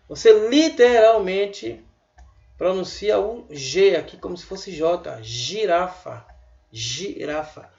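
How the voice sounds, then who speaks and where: A man giving a casual online language lesson, chatty and repeating words slowly for his students. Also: high-pitched, gravelly, darkish tone, lo-fi sound. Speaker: language teacher.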